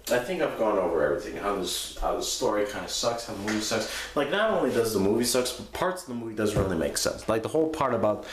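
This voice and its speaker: Drunk man, lowish voice, crude rambling film review, losing his thread, echoey room, faint background noise. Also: big pitch swings, fast talker, hardly any pauses. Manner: crude, profane. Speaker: host of a movie review show. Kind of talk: casual unscripted film review rant.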